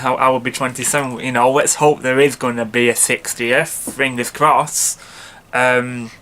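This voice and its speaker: A man's voice: medium pitch, fairly bright tone, slight background noise. An earnest young man in his early twenties talks straight to his viewers. His delivery rambles, is packed with "you know" fillers and false starts, and sounds sincerely enthusiastic. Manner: earnest, heartfelt fan enthusiasm. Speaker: vlogger, channel host. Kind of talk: casual fan vlog chat.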